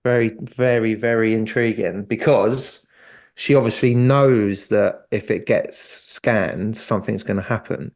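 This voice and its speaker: A man's voice: fairly low pitch, fairly even intonation, a little slow. A man co-hosting a podcast in a casual, jokey way, laughing often. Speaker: podcast co-host. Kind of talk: casual chat.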